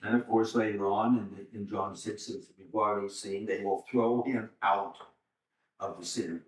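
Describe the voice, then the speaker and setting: An older man, a seminary professor, slowly reading and explaining scripture to a class. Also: lowish voice, steady tone. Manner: slow, deliberate, pauses to explain Greek words. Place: church hall. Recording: roomy church hall, mic far off.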